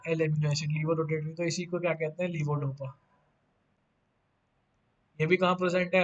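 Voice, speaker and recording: A man teaching a pharmacy lecture with a fairly high-pitched voice. He keeps asking questions and answering them himself, and drops in playful asides. The audio sounds dull and lo-fi. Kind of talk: online lecture.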